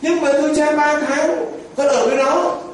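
A man voicing a young newlywed wife who pleads in a high, whiny voice. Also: fairly even intonation, moderate pace, slight background noise. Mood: indignant pleading. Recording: echoey church from far off.

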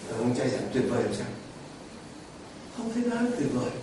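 Man, priest, lively colloquial homily, wide-swinging voice, faint background noise. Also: medium pitch, a little fast. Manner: animated, rhetorical questions, colloquial asides. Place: church. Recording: echoey hall from far off, faint noise.

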